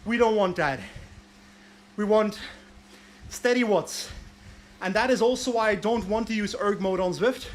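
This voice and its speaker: This Belgian guy livestreams from a bike trainer in a warm indoor room with a fan, talking a little slowly in a somewhat high, casual voice over his pedaling. He's chatty, responds to viewer questions, and pokes fun at himself. A slight hiss or hum is audible.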